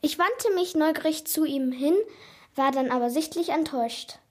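A woman narrating a children's story in an animated, dramatic first-person telling. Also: high-pitched, normal speed.

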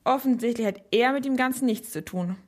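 Woman voicing a calm young man, clever, cool-headed, reasoning aloud, somewhat high voice. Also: brisk, lightly acted. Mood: musing.

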